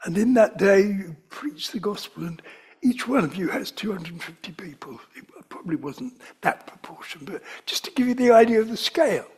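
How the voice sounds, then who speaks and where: This older man's voice sits high with a darkish tone, lively intonation, and normal speed. He preaches a sermon in a London accent, conversational and digressive yet building to emphatic stresses, and he sounds very breathy, often whispery.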